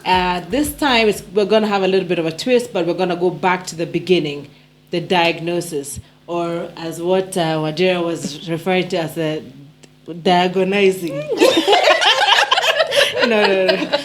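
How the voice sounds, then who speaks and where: A woman's voice: lowish voice, steady tone, brisk, hardly any pauses, slight background noise. A woman co-hosting a podcast, chatting casually and thanking listeners. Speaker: podcast co-host. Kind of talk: casual group chat.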